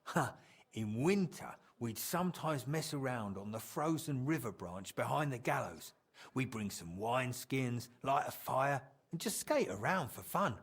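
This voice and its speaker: An actor voicing a chatty medieval townsman in a video game, telling colloquial, animated tales of old times with fondness. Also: medium pitch, a little slow, husky. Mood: amused storytelling. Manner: animated, colloquial storyteller acting out quotes. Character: chatty medieval townsman reminiscing fondly about an old drinking friend. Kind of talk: storytelling in video game dialogue.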